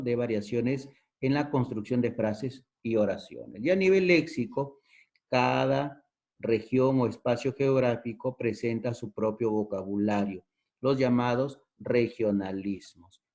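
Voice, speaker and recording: A man's voice: medium pitch, unhurried, a little mellow. A man with a Peruvian accent teaching a lesson, explaining step by step, repeating key terms and checking in with the listener. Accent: Peruvian Spanish. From Peru. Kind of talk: recorded lesson. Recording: dull lo-fi recording.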